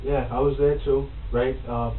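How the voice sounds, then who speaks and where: Excitable, foul-mouthed man on a lo-fi podcast. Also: mid-range voice, moderate pace. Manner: animated, swears freely, gets loud when worked up. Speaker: podcast host. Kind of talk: casual wrestling chat. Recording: roomy, distant, phone-like, faint noise.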